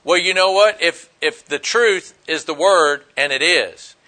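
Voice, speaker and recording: A man preaching a folksy, emphatic sermon, swinging between loud outbursts and quiet asides. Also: on the high side, unhurried.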